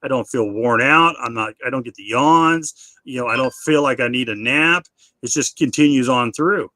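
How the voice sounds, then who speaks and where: A man's voice: medium pitch, normal speed, pushed and bright, no echo. A middle-aged man hosting a live Q&A, chatting casually and often repeating or restarting his words. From United States. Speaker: live stream host.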